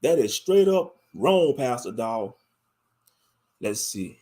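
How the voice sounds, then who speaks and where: His mid-range voice is sing-song and mellow, and he takes it slowly while casually commenting on viewer messages during a livestream. He's a man from Louisiana, United States, with the local accent, speaking colloquially and repeating phrases for emphasis.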